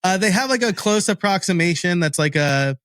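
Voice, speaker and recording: A man with a New York accent, co-hosting a casual tech podcast, curious and quick to laugh. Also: high voice, expressive, fairly bright tone, clean tone, no echo. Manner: chatty, laughs often, curious musing. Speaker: podcast co-host. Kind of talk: casual chat.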